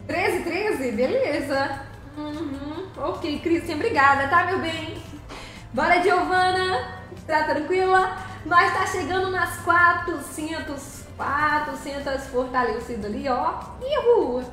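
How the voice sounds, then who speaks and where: Giggly high-voiced woman streamer, echoey. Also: slow pace, bright, forceful tone, soft background music. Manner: cheerful, greets viewers by name, giggly. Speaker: live streamer. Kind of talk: chatty live stream while driving a truck game.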